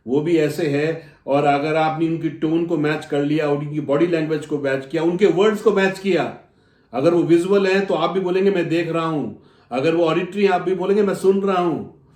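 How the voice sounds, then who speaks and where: Animated male coach, echoey room. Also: a little high, moderate pace. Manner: animated, acts out customer dialogues; addresses listeners as friends. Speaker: soft skills coach. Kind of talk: motivational lesson.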